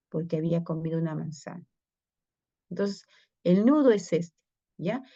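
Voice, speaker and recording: Slow-talking Peruvian teacher woman. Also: medium pitch, darkish tone, muffled recording. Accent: Peruvian Spanish. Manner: slow, questioning, acts out story voices. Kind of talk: classroom lesson on story structure.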